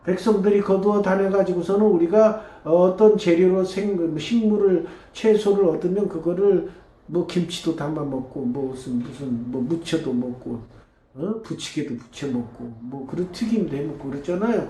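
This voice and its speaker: Brief: male pastor, chatty sermon delivery, mellow dark voice, echoey church. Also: a little high. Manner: conversational, tags lines with rhetorical "eh?".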